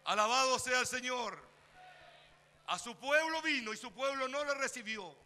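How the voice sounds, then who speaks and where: A man with a Chilean accent preaching a fervent sermon in a church, calling out to the congregation and rising to shouts. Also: extremely high pitch, normal speed, long reverb tail. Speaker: pastor. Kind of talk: Spanish-language sermon. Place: church sanctuary.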